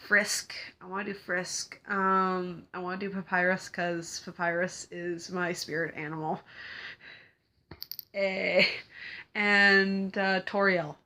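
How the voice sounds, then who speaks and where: Congested young woman rambling on her vlog, giggles a lot, bright voice. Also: fairly low pitch, steady tone, unhurried. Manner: rambling, giggly, lots of fillers. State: congested from a cold. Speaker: cosplay vlogger. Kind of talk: casual chat to camera.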